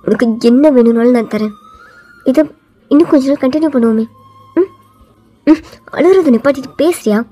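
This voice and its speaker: A woman's voice: high voice, normal speed, long pauses, dark tone, breathy edge, soft background music. A woman voicing a cold, arrogant young male CEO who talks in a taunting, domineering way. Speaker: voiceover artist.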